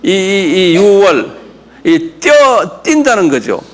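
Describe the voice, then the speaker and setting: Male pastor-teacher, high and animated, unhurried, quizzes the room and drills pronunciation. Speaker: pastor teaching a Bible class. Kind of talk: classroom lecture with audience questions.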